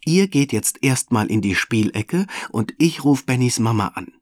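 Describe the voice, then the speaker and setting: Ein Mann spielt eine strenge Kindergartenleiterin. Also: male voice, medium pitch, animated, no room sound, studio quality, pitched above the performer's own voice, lightly acted. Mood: firm. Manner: firm, measured. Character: strict kindly kindergarten head, woman.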